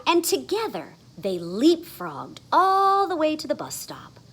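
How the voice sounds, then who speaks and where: Her voice sits high and a bit bright, swooping wildly in pitch at an unhurried pace. She's a storybook reader giving an expressive children's story, playing up the sound words dramatically.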